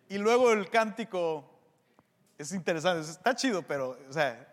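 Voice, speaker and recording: A man preaching a sermon, telling stories in an animated way with vocal sound effects. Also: sits high, long reverb tail.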